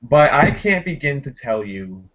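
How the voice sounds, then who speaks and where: Animated man chatting on a lo-fi podcast. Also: mid-range voice, a little slow. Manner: animated storyteller, breaks in to make points. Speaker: podcast co-host. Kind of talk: casual chat. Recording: dull lo-fi sound.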